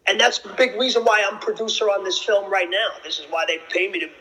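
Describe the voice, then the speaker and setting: A man's voice: sits high, fairly even intonation, fast talker, pushed and bright, poor audio. A man being interviewed, talking casually and bluntly in a brash, hyped-up frat-bro way with frequent swearing. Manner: blunt, opinionated. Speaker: film producer and actor being interviewed.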